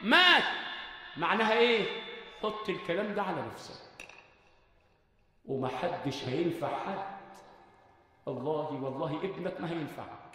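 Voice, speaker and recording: A man with an Egyptian Arabic accent preaching a sermon. He repeats rhetorical questions, moves between quiet talk and shouting, and chants verses slowly. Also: on the high side, lively intonation. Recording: very echoey hall.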